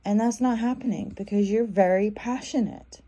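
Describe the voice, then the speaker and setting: A woman's voice: mid-range voice, normal speed, warm tone. A woman giving a casual tarot reading, talking in a loose, repetitive way with many fillers and restarts. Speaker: tarot reader.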